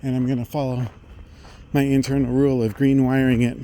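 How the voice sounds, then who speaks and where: A middle-aged man thinks aloud in a halting technical monologue while walking outdoors along a road. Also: medium pitch, level tone, mellow. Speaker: vlogger. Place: outdoors on a residential roadside. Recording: outdoor street noise, passing vehicles.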